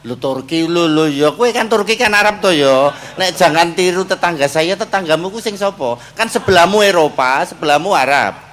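A man's voice: on the high side, animated, normal speed, fairly bright tone, a little hiss or hum. A man hosting, asking questions with a teasing, joking manner. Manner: teasing, mixing in regional slang. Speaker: host. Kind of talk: joking banter.

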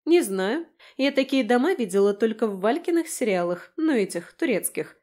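A cheeky, mocking young woman who never stops talking, her voice pitched up high and bouncing with sarcasm, as a woman reads her in an audiobook. She teases everyone around her. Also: expressive, moderate pace, darkish tone, lightly acted. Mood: sarcastic. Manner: teasing, mocking. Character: brash sarcastic chatty young woman friend. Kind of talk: audiobook character voice.

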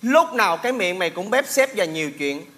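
Calm, measured man. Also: high voice. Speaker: comedian playing a son. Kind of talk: Vietnamese comedy sketch acting.

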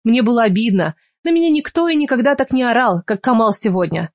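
Expressive woman reading a novel aloud. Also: fairly high pitch, fast, no echo, studio quality. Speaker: audiobook narrator. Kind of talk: first-person novel narration.

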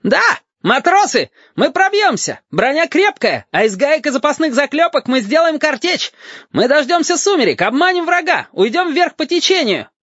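A man's voice: very high-pitched, sing-song, normal speed, fairly bright tone, dry recording, pitched above the performer's own voice, exaggerated voice. A man voicing a panicky adult navy lieutenant who shrieks and blusters, in an audiobook reading. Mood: shrill bravado. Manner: screechy, blustering, barking orders. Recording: dull, dry audiobook recording.

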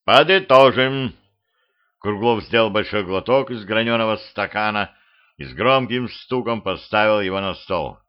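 Low-voiced male audiobook narrator. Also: moderate pace, clean tone. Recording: dull lo-fi home recording.

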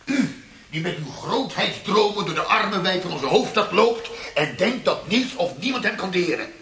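A male actor with a high-sitting, exaggerated voice and lively intonation performs a radio play at normal speed. He portrays a sneering, theatrical interrogator of a brutal regime, mocking and menacing, swinging between hushed threats and ranting.

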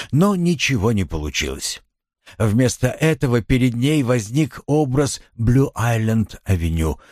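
A man reading a novel aloud as an audiobook narrator, in a measured, expressive storytelling manner. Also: on the low side, no echo, clean studio sound.

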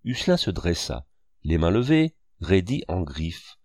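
A man narrating a French novel in a measured literary reading. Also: low-pitched, big pitch swings, a little mellow, no room sound, studio quality.

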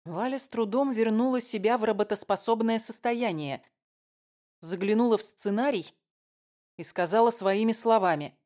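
A woman reading an audiobook in clear, expressive scripted narration. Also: a little high, moderate pace.

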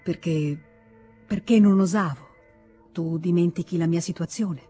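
A woman's voice: fairly low pitch, a little slow, breathy edge, faint music behind. A woman reading an audiobook, voicing a tender young noblewoman who speaks in an earnest, confiding way. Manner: earnest, confiding, gently pleading. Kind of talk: audiobook character voice.

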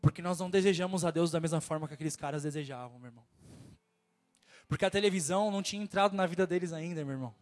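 A man's voice: fairly high pitch, racing. A man preaching a fervent sermon with a nasal voice and a Brazilian Portuguese accent, urging his listeners over and over. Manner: fervent, exhorting, keeps repeating "my brother".

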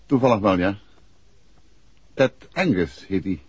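Paul Vlaanderen, husky low-voiced gentleman detective. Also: animated. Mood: probing, polite. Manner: polite, measured questioning. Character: calm, probing male amateur detective. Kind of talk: 1960s Dutch radio play acting. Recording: muffled vintage 1960s radio recording.

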